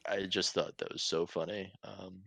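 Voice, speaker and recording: A man's voice: sits low, steady tone, moderate pace, gravelly, pushed and bright, slightly rough, no echo. A young man hosting a casual podcast chat, laughing often and swearing loosely. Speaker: podcast host.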